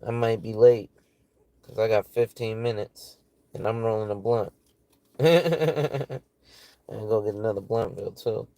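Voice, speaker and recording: A financial advisor in his forties, sounding tired, speaks with a medium-pitched, darkish voice, recorded with no echo. He reads casually through money tips, cursing freely and often adding "right?".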